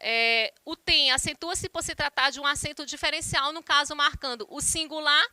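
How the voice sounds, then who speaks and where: Bright, high-voiced woman teaching grammar. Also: moderate pace. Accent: Brazilian Portuguese. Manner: addresses the class directly, reads options aloud. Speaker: Portuguese teacher. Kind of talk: online grammar lesson.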